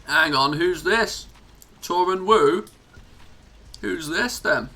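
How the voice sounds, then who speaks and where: A man's voice: high voice, slow pace, pushed and bright, husky. An English man live streaming from home, chatting casually as he plays, self-mocking and laughing often. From England.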